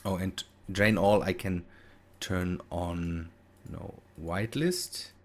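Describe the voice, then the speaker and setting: This gaming video host speaks in a low, steady voice at a slow pace. He has a German accent, German is his native language, and his casual play-by-play is hesitant and thought out aloud, full of self-corrections.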